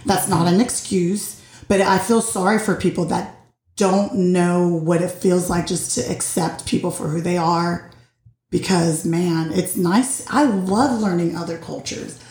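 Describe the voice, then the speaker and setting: A woman's voice: fairly low pitch, unhurried. Earnest woman in an echoey room. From Puerto Rico. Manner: earnest, expressive, acts out quoted voices. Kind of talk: candid group conversation.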